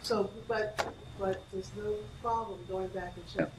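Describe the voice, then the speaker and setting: A woman's voice: medium pitch, fairly even intonation, a little slow, noisy background. A woman in a meeting casually explaining how she checked something, heard from a distant mic in an echoey room. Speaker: meeting participant.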